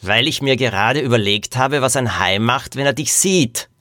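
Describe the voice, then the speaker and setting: A man voicing a quick-witted girl detective in a read-aloud storybook, matter-of-fact and sharp. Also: medium pitch, no echo, studio quality, close to an everyday voice.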